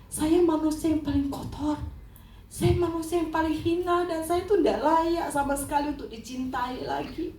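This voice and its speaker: A woman's voice: sits high, level tone, normal speed, mellow, a little hiss or hum, pitched above the performer's own voice, natural voice. A woman voicing a remorseful, frightened young wife who pleads tearfully and feels unworthy. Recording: echoey hall from far off.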